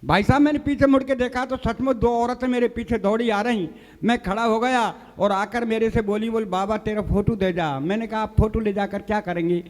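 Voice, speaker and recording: A man's voice: sits high, steady tone, a little fast, a little mellow, long reverb tail. A man reciting comic poetry and funny stories on stage, acting out the dialogue and addressing the audience. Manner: storytelling with quoted dialogue, addressing the audience as sahab. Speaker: comic poet. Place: stage of a live poets' gathering.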